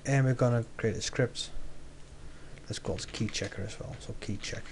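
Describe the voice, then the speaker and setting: A man's voice: on the low side, moderate pace, noisy background. A young man walking through a game-development tutorial while he works, thinking aloud and correcting himself as he goes. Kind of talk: screen-recorded coding tutorial.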